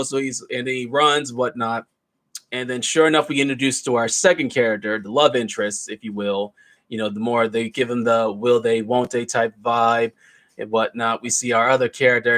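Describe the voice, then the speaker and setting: A man's voice: mid-range voice, a bit bright. Man rambling through a casual movie review. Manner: rambling, loose retelling with asides.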